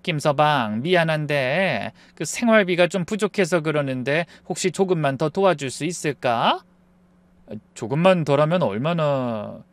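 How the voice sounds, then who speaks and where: A man voicing an apologetic older mother-in-law who asks slowly and hesitantly. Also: a little high, lively intonation, dry recording. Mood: pleading.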